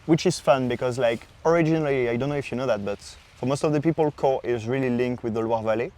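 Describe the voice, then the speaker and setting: A French man, speaking English as a non-native with a French accent, explains wine informally as a podcast sommelier. His medium-pitched voice is a little mellow. His phrasing comes out hesitant and halting.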